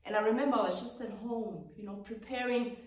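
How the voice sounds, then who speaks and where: A woman with a slightly high voice speaks a bit quickly, and the top end of the audio is cut off. She is a gospel singer-songwriter whose first language is Sotho, casually and reflectively telling the story behind her song, slipping into sung snippets and vocal sounds. The mic sits at a distance in an echoey room.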